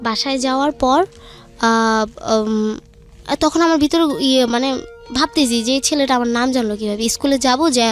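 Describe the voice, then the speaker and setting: A young woman with a Bangladeshi accent and a high voice speaks at a normal speed over music. As a guest, she tells her own life story conversationally, colloquially recounting who said what, turn by turn.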